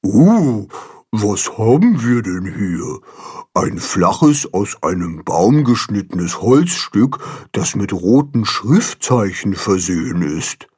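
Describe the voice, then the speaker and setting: A man voicing a pompous old carp in a storybook reading, speaking slowly and ponderously with a husky voice. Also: fairly low pitch, sing-song, a little mellow, heavily acted.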